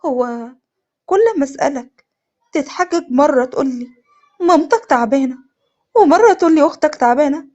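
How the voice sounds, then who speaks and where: امرأة تؤدي عروسة شابة عنيدة بلهجة مصرية. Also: female voice, high voice, expressive, a little fast, pauses often, darkish tone, lo-fi sound. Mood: pleading. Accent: Egyptian. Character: young woman, stubborn bride refusing her cousin.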